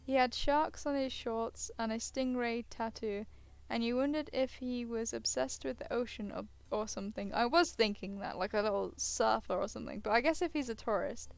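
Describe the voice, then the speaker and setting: A sleepy, yawning gaming streamer narrates a visual novel, casually interrupting herself with hesitant side comments. Her fairly high voice is gravelly yet smooth at normal speed, in a dry recording.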